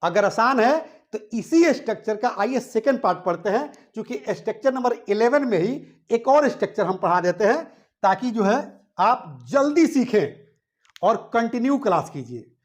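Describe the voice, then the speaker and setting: A man teaching spoken English at a board. He explains slowly, repeats words in pairs, calls his students "beta" and keeps checking that they follow. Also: high-pitched, very animated. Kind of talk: classroom grammar lesson at a board. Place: classroom with a board.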